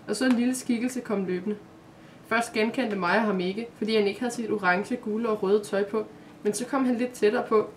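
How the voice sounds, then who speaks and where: Woman author reading her own story aloud, plain and steady, small self-corrections; home mic set a little distant, faint hiss. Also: mid-range voice.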